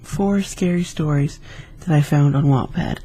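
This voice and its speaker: A man's voice: fairly high pitch, unhurried, dark tone, slightly rough. A man casually reading scary stories aloud, with chatty, rambling asides between them. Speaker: YouTube storyteller.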